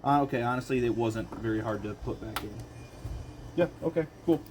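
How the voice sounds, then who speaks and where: A man's voice: mid-range voice, a little fast, very noisy. A man filming a casual do-it-yourself car video, rambling wryly and breaking into profane rants. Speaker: DIY car-modding vlogger. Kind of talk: casual self-filmed how-to chat. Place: garage and inside a car.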